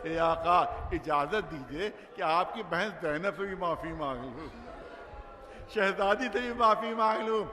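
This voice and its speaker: A man's voice: sits high, lightly acted. A man voicing a repentant grown warrior who pleads for forgiveness in a sorrowful, pleading tone. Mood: remorseful. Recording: long reverb of a large hall.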